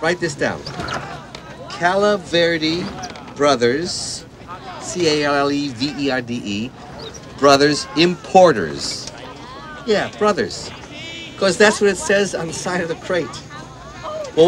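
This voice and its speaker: An actor playing an excitable, fussy middle-aged husband who talks fast. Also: male voice, fairly high pitch. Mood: eager. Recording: film sound with background noise.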